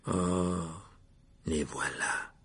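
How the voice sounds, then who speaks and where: A man's voice: sits low, unhurried, gravelly, breathy edge, exaggerated voice. A man voicing a proud, bitter, nearly headless ghost who speaks stiffly and gloomily in a storybook reading. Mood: stiff gloomy.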